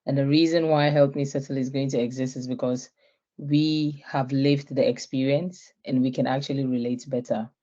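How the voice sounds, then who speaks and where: A woman's voice: very deep voice, steady tone, moderate pace, dark tone, muffled recording. A young woman from Ghana, a guest in an online interview, introducing herself in a friendly way with many filler sounds and easy laughter.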